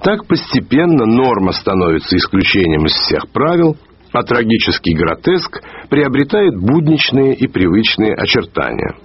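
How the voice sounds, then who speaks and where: Husky man reading, dull archive radio. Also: medium pitch, sing-song, dry recording. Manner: measured, slows to stress key words. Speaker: writer reading a literary review. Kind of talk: read literary commentary.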